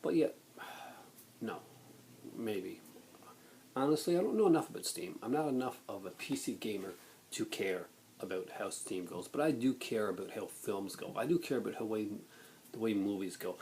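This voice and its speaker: Low-pitched man ranting, noisy recording. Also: animated, a little mellow. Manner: blunt, exasperated, halting with emphatic bursts. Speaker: video blogger. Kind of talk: opinionated rant to viewers. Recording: noticeable background noise.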